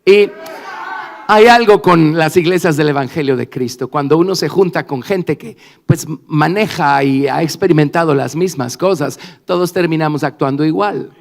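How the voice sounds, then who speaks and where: A man's voice: fairly high pitch, moderate pace, creaky. A man speaking in church as an interpreter, in the style of prayer and sermon. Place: large church hall. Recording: reverberant church hall, faint music.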